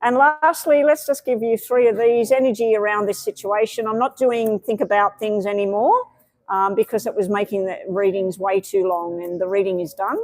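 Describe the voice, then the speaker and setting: A woman's voice: medium pitch, steady tone, moderate pace, no echo, poor audio. A woman giving tarot readings on a live stream, chatty and meandering, with many fillers. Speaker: tarot reader.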